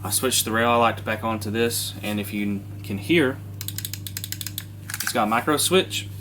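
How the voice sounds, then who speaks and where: A man hosting a hands-on airsoft how-to, congested from a sinus infection, talking through each step in a relaxed, casual way. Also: lowish voice, a little slow, background noise. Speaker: airsoft video host.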